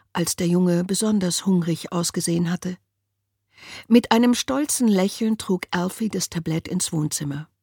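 A woman narrating an audiobook in a calm, measured storytelling manner. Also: lowish voice, creaky, slightly rough, dry recording, studio quality. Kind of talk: scripted narration.

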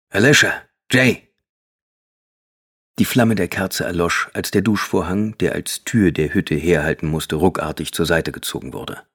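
A man reading a novel aloud as an audiobook narrator, in steady, measured scripted narration. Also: low-pitched.

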